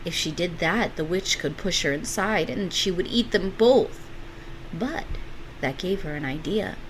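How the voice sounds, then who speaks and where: A woman reading a children's storybook aloud with expressive, animated delivery. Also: on the low side, a little slow, slight background noise, low-quality recording.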